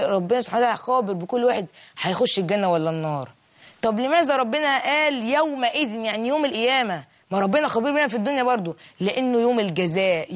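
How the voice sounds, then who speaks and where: A speaker with an Egyptian accent giving a religious storytelling talk, retelling a moral tale and explaining each phrase. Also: medium pitch. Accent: Egyptian Arabic.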